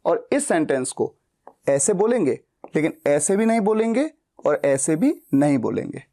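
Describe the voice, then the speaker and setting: Male online English tutor, mellow tone, patient explainer who asks and answers his own questions. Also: on the high side, very animated. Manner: reads English example sentences slowly and deliberately. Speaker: spoken English teacher. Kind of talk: explanatory grammar lesson.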